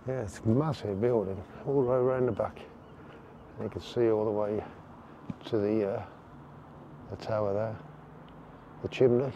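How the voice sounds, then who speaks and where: A man giving a casual outdoor walking tour, relaxed and rambling with fillers. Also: fairly low pitch, moderate pace, long pauses, muffled recording, slight background noise. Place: outdoors on town streets.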